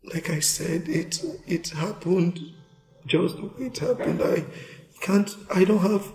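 Playing a contrite man pleading with his partner for forgiveness, the actor in this relationship skit delivers a heavily acted, apologetic performance. His high-pitched voice is a little mellow, with vocal fry, and he takes it slowly. Faint music drifts through the echoey room.

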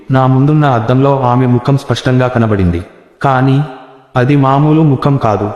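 A man's voice: mid-range voice, a little mellow. A man telling a first-person horror story as scripted narration, tense and suspenseful. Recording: echoey reverberant room.

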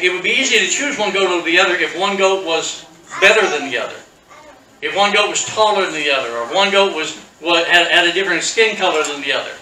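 A man gives a casual bible teaching as pastor, halting with many fillers and restarts and asking the congregation questions. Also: a little high, pushed and bright, slight background noise. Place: church hall. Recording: echoey room, speaker far from mic.

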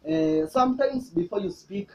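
A man's voice: high voice, animated, moderate pace. A young Kenyan man with a Kenyan accent, a youth preacher chatting casually as an interview guest. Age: young adult. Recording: muffled audio with background noise.

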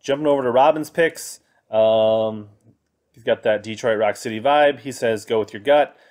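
An indoor screen recording with a webcam inset shows a thirtysomething podcast host chatting about his fantasy fishing picks, reading web pages and using lots of fillers. He speaks at normal speed in a mid-range, slightly mellow voice.

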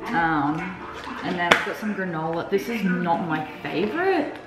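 A woman's voice: fairly low pitch, animated, moderate pace. A young woman vlogging at home as a mother, chatting casually and cooing to her toddler in sing-song tones. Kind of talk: casual vlog chat. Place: home kitchen and bedroom. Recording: roomy home audio with music behind.

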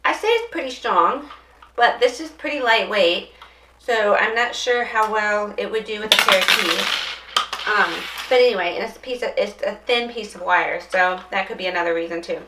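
A woman's voice: mid-range voice, moderate pace. A woman giving a casual how-to demonstration of dressing aids, chatting and thinking aloud as she goes. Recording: roomy echo, distant mic, faint noise.

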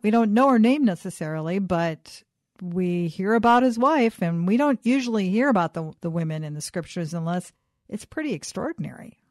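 A woman hosting a faith podcast, asking thoughtful questions in a halting, conversational way. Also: mid-range voice, lively intonation, a little mellow, dry recording, studio quality. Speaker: podcast host and interviewer. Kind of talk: conversational interview.

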